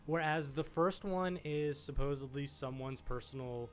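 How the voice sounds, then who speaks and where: A man speaking at normal speed in a voice on the high side presents a video essay. Background music accompanies his relaxed, eager, conversational commentary on movies.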